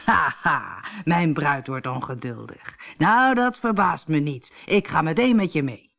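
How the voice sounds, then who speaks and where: A woman's voice: low voice, animated, unhurried, gravelly, a bit bright, exaggerated voice. A woman voicing a brash, boastful sea captain in a storybook. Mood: blustering.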